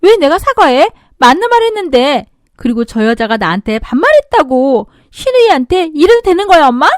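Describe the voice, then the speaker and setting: A woman voicing a spoiled, rude young sister-in-law in a spoken radio story, sneering and shrill. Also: sing-song, unhurried, darkish tone, no room sound, clean studio sound. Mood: shrill, indignant. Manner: sneering, bratty.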